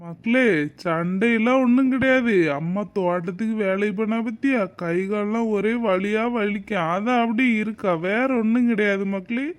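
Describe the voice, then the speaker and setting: An actor voicing a gentle village father in a cartoon, soothing and reassuring his children. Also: medium pitch, moderate pace, natural voice. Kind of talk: cartoon voice acting.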